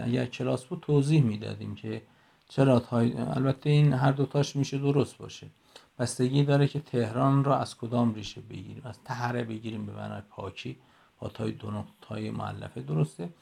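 A middle-aged man teaches a lesson into a phone for a voice message. His voice is heavily gravelly and a little husky. He explains patiently and works through his examples one by one. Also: medium pitch, mellow. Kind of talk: recorded lecture.

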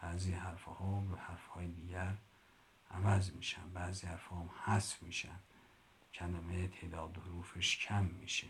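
Deep gravelly man teaching classical prose. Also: little pitch movement, fairly bright tone, a little hiss or hum. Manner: reads old prose aloud, then explains it in plain speech; stops to correct his own pronunciation. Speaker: literature teacher. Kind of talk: explaining a classical Persian text line by line.

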